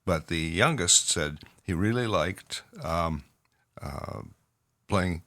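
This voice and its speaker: A man with a Canadian accent co-hosting a podcast in casual chat, pausing often on fillers as he talks. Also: low-pitched, expressive, pushed and bright. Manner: halting, with many fillers. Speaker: podcast co-host, clinician.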